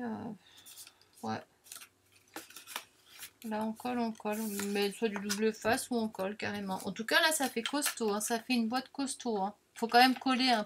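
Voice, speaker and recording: Over some background noise, a woman with a higher-pitched voice talks her way through a paper craft demo in a casual, self-mocking style. This crafting vlogger sprinkles in lots of small fillers and keeps hiccuping.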